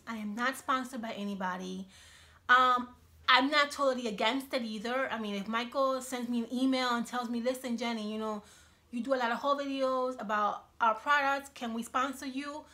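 A chatty, animated woman from Cuba, in her thirties, filmed on a phone on a stand in her kitchen at home. Her voice sits a little high and sounds bright and sharp. She talks freely and gestures as she speaks, in an easygoing vlog style. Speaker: YouTube vlogger. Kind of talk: casual Q&A vlog. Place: home kitchen, indoors, small room. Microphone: iPhone on a selfie stand.

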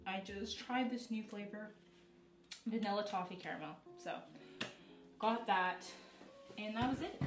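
A young woman chatting casually to camera at home as a vlogger, relaxed and full of likes and ums. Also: medium pitch, unhurried, long pauses, over music. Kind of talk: casual vlog chat to camera. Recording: roomy echo.

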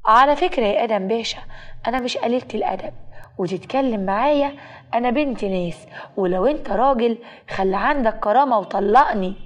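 A woman in Egyptian Arabic voicing a proud young bride, sharp-tongued and defiant, in a storybook tale. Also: a little high, brisk, close to an everyday voice.

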